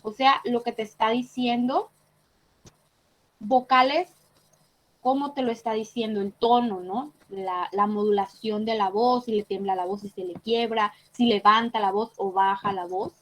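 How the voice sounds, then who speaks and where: A woman's voice: a little high, fairly even intonation, a little slow, a bit bright, poor audio. Woman teaching an online class. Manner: explains patiently, checks with frequent tag questions. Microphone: computer mic on a video call.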